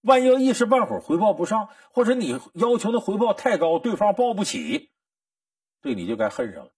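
Man, storytelling lecture, folksy, very animated pitch, husky voice, dry sound a bit far from the mic. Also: brisk, no echo. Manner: folksy, animated, rhetorical questions. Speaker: storyteller teacher.

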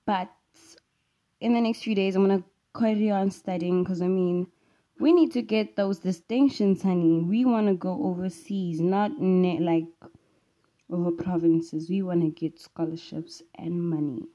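A young woman hosts her vlog from home, talking in a loose, rambling way full of playful, sassy asides. Her voice sits a little low and sounds soft and mellow rather than bright. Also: fairly even intonation, measured pace. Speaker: vlogger. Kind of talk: casual rambling chat.

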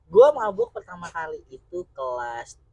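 A man's voice: high voice, wildly swooping pitch, normal speed, vocal fry, slight background noise. A young man with a Jakarta accent, chatting casually as a podcast host. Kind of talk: casual chat.

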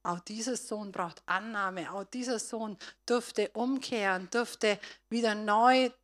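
A woman preaching a sermon in a voice of middling pitch. She retells a story and speaks straight to her listeners. Her loudness rises and falls between soft asides and strong appeals. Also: takes it slowly.

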